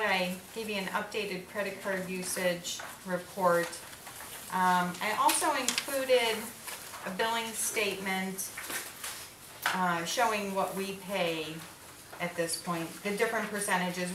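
A woman reading out a treasurer's financial report at a meeting. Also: mid-range voice. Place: small indoor meeting room. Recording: echoey room, distant mic, noisy.

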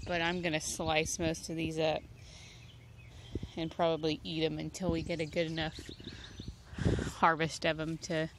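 Filmed outdoors on a handheld phone, a low-pitched woman in her thirties casually tours her backyard garden. She rambles and thinks aloud, saying um a lot. Background noise, birdsong, and outdoor nature sounds come through.

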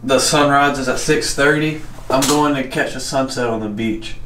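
A man's voice: medium pitch, moderate pace, fairly bright tone. Teasing teen guy filming a vlog. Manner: joking, teasing. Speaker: vlogger. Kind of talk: casual vlog filming family. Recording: noisy handheld outdoor audio.

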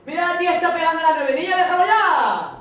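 A woman voicing a loud, scornful male small-town policeman who shouts and mocks. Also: very high-pitched, expressive, quick pace, slight background noise, voice pushed up. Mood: mocking. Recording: echoey hall from far off.

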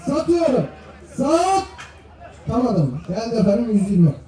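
A man's voice: very high-pitched, very animated, normal speed, mellow. A man working as a livestock auctioneer, calling out bids and lot numbers in a repetitive chant with formal address to bidders. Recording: echoey PA from far off, faint crowd.

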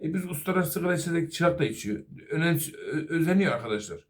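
A man's voice: a little high, expressive, quick pace. A middle-aged man, a master auto mechanic, giving an earnest safety talk to fellow workers and apprentices. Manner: earnest, advising, repeatedly addressing "arkadaşlar".

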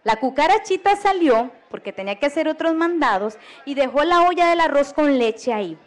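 A woman's voice: high voice, expressive, a little fast. A woman with a Costa Rican accent telling a folk tale to children, often stopping to ask them questions and invite them to join in. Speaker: storyteller. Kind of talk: oral storytelling for children. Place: radio program.

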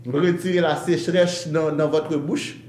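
An actor playing an excitable middle-aged salesman in a comedy sketch, pitching emphatically and repeating himself. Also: measured pace, slight background noise, natural voice. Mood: eager, salesy. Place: indoor brick-walled room. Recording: roomy indoor sound, faint music.

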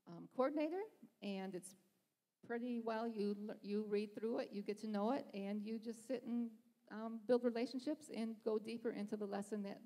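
Middle-aged woman doing church announcements, lots of ums, gravelly mellow voice, reverb hall. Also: medium pitch. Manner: earnest, hesitant, frequent ums. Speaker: children's ministry leader. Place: church stage, large sanctuary. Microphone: handheld mic. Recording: long hall reverb in a sanctuary.

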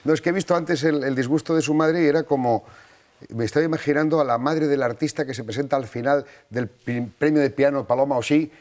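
A man's voice: medium pitch, steady tone, fairly quick, darkish tone. A man, a TV presenter appearing as a studio guest, rambling and chuckling with many restarts. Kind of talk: TV studio interview.

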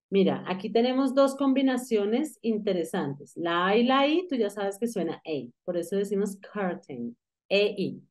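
A woman teaching an English grammar lesson, explaining patiently and asking the student questions as she goes. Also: mid-range voice. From Colombia.

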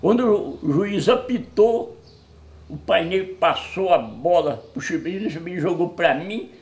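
A man's voice: sits high, measured pace, echoey room. A man telling a funny story, acting out the dialogue and laughing as he goes. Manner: animated, acts out dialogue, laughs often. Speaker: storyteller guest. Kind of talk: casual anecdote telling.

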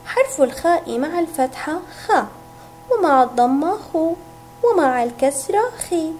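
A woman teacher giving a recorded reading lesson to young children, sounding out syllables slowly and stretching each word. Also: high voice, big pitch swings, a little mellow, faint music behind. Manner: slow, drawn-out syllables, sounding words out. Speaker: kindergarten teacher.

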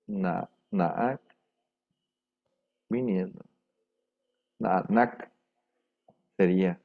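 A man teaching a language class, repeating words slowly and carefully and dictating them for students to write down. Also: low-pitched. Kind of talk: slow repetitive language class. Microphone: microphone. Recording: dull lo-fi room microphone.

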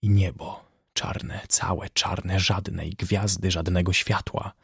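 Male narrator doing a haunted young sailor, low, sombre, slightly husky. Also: level tone, slow, a bit bright, no room sound, clean studio sound, full character voice. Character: young male ship's officer, bitter and haunted.

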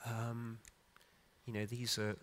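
A middle-aged man speaks from a conference stage into a microphone, his voice in the middle range. He talks off the cuff, backing up, repeating words and filling pauses. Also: mid-range voice, completely flat delivery, a bit bright. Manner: unscripted, halting, many restarts and fillers. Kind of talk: conference keynote talk. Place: conference stage in a large hall.

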